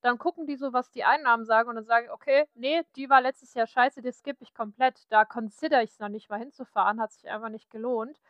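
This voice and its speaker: A woman's voice: a little high, fairly even intonation, fairly quick, hardly any pauses, dry recording, highs cut off. A woman from Saxony talking frankly and chattily in a casual podcast conversation. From Saxony, Germany. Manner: frank, chatty, many fillers.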